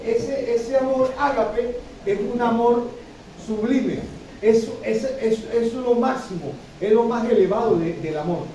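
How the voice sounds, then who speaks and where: Recorded from a distance in an echoey church hall, a pastor preaches in a voice that sits high and mellow, with the highs cut off and slight background noise. His sermon is repetitive, and he often addresses listeners with "¿sí?".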